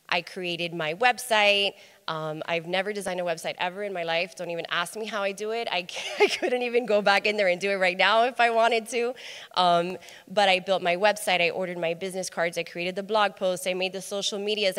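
A woman speaker telling a personal story on a conference stage, lively and acting out the dialogue. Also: lowish voice, clear, resonant tone. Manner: animated storyteller, acts out dialogue. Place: large hotel conference hall. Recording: echoey conference hall.

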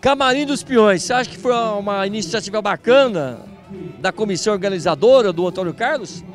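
A man's voice: high voice, lively intonation, fairly quick, soft background music. A middle-aged Brazilian man presenting live from a rodeo like a hyped, emphatic announcer, talking into a handheld microphone. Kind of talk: live event reporting and interviews. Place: at a rodeo festival, in booths and outdoor stalls.

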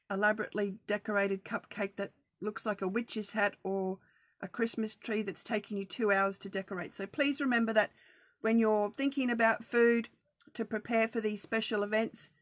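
In a mid-range voice with no echo on the recording, a middle-aged Australian woman leads a casual Facebook Live video chat for her budgeting group. She talks about saving money in a chatty, practical, reassuring manner.

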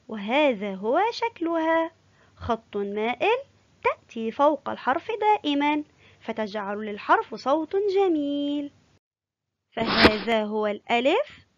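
A woman teaching a kindergarten class, slow, sing-song and encouraging. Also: high-pitched, dry recording, highs cut off. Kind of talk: teaching young children.

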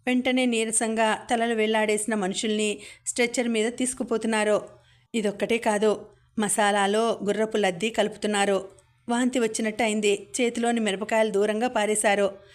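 A woman reading a novel aloud for an audiobook, her pitch held flat and level. She tells the story at a steady pace in a mid-range voice, sentence after sentence. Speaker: audiobook narrator.

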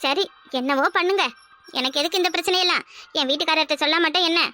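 A fretful, complaining cartoon village wife, voiced by a woman. Her voice is extremely high and fast, with a southern Tamil Kanyakumari accent. She laments and grumbles as she talks. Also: bright, forceful tone, faint music behind. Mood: lamenting. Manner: complaining, lamenting, exclaims to herself. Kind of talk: cartoon voice acting.

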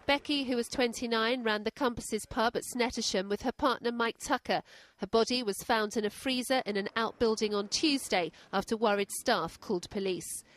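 Female news reporter, slightly high voice. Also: normal speed, hardly any pauses. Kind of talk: scripted news report voice-over.

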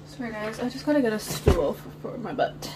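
A chatty woman talks her viewers through organizing her nail studio from the floor, rambling as she goes. Her voice sits a little high. A steady hiss runs under the room recording. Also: a little fast. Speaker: nail art vlogger. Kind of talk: casual chat while organizing.

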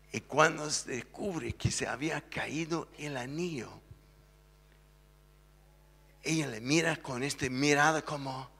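A man's voice: on the high side, vocal fry, slightly rough, in a large hall. A male pastor telling a story in a church sermon, acting out the voices as he goes. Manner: lively storytelling, acts out the voices. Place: church sanctuary.

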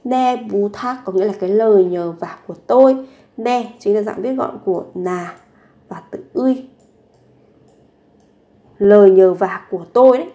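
A woman's voice: medium pitch, moderate pace, pauses often, dark tone. A woman teaching a language lesson, repeating each phrase three times and then explaining it, often posing rhetorical questions to her listeners.

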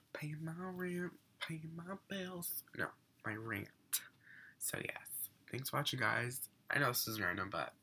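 Recovering from being sick, a teenage vlogger talks earnestly to the webcam at his bedroom desk, rambling with many fillers and false starts. His mid-range voice sounds pushed and bright, though still slightly off.

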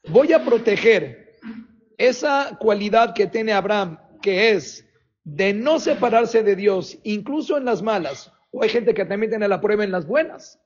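A man preaching as a rabbi, animated, firing off rhetorical questions. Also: high-pitched. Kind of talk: sermon. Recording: dull lo-fi recording.

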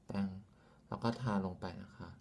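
A man's voice: moderate pace, a little mellow. A man chatting casually through a makeup tutorial, rambling with lots of fillers and using polite feminine particles, recorded on a phone camera. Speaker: makeup vlogger.

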